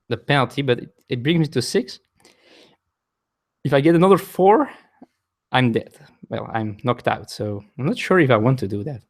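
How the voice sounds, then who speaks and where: On a live stream from his table at home, a man with a non-native English accent walks viewers through a board game's rules, his pitch rising and falling a lot as he goes. He talks with his audience between turns and often stops to fix what he just said.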